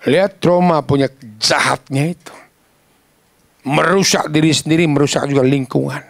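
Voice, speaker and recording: A man preaching a sermon, telling stories in a lively, casual, slangy way and acting out the voices of the people in them. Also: fairly high pitch, normal speed, vocal fry, no room sound. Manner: animated, acts out quoted voices.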